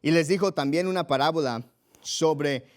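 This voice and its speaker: Pastor de voz algo aguda. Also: male voice, fairly high pitch, normal speed. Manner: reads scripture then explains it plainly, with restarts. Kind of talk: sermon with scripture reading.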